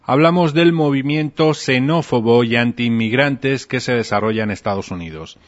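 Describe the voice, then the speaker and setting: A man anchoring a news program, reading story introductions in a clear, formal way. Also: medium pitch, moderate pace. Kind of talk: read news report. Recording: dull lo-fi radio audio.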